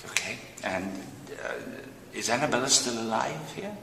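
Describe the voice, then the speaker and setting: A man's voice: medium pitch, lively intonation, moderate pace, creaky. A man hosting an arts interview, teasing his guests with playfully obtuse questions. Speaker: arts show host. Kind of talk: mock-serious interview banter. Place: theatre hall. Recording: echoey theatre hall, faint noise.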